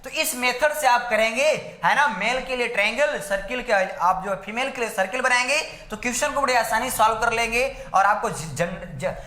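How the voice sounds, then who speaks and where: Male exam-prep tutor, bright, forceful delivery, heavy on rhetorical questions and "right?" check-ins; recorded in a roomy, echoey space. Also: extremely high pitch, moderate pace, few pauses. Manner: keeps asking rhetorical questions and answering them himself; constantly tags lines with "friends" and "right?". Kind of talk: classroom-style lecture. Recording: roomy echo.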